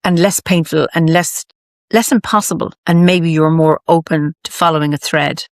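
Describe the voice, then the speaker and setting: An Irish woman storyteller talking reflectively in a lilting, emphatic way, with thoughtful, deliberate pauses. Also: low-pitched, steady tone, dry recording, studio quality. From Ireland. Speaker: storyteller, interview guest. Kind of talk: reflective conversational storytelling talk.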